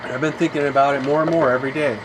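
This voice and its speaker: A man's voice: mid-range voice, steady tone, rapid-fire, very noisy. A man streaming a game live, rambling through long complaints and often saying "you know". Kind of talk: live gameplay commentary.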